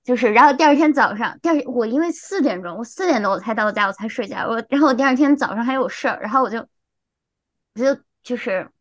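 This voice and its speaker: A young woman in her twenties co-hosting a podcast, telling a story in an animated, exasperated way. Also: fairly high pitch, brisk, no echo. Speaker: podcast co-host. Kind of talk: casual chat.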